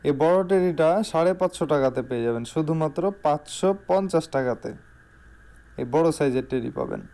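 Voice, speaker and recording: A man's voice: fairly high pitch, fairly quick, creaky, dark tone, clear, resonant tone. A man with a Bangladeshi accent giving an informal salesman's product showcase in voice-over, repeating key phrases for emphasis. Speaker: shop salesman.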